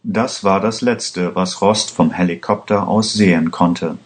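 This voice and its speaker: Slow, low-voiced male narrator. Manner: slow, measured reading for learners. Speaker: audiobook narrator. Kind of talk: scripted narration.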